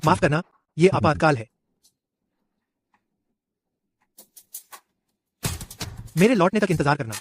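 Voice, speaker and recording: A man voicing a calm young army commander who dotes on his wife in a dubbed drama. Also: on the high side, fast. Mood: commanding. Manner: calm and indulgent. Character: steady young army commander, devoted husband.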